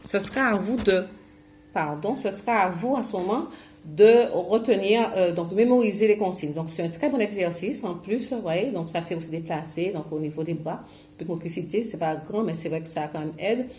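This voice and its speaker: A woman's voice: on the low side, a little fast, darkish tone, a little hiss or hum. Chatty woman coaching seniors from home. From Guadeloupe. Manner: chatty, hesitant with many fillers and restarts. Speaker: senior fitness and memory instructor. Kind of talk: instructional talk to seniors at home. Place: home, self-filmed. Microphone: camera mic.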